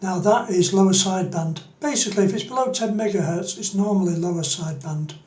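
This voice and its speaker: Talking fairly quickly in a distinctly high but darkish voice, a man walks through an unscripted, informal on-screen tutorial, narrating each step as he does it. Noticeable room echo is audible.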